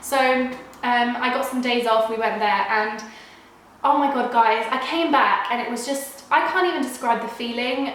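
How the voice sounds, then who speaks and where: Nasal from a cold, a young woman chats casually to camera at home, rambling, restarting sentences and saying "like" a lot. Her fairly high voice is a bit bright, and the room around her echoes heavily.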